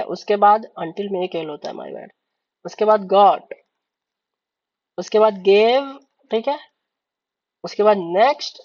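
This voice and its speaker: High-voiced man teaching step by step. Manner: patient, repeats "okay" after each point, mixes English words into speech. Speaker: shorthand tutor. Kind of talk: casual step-by-step online lesson. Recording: dull lo-fi recording.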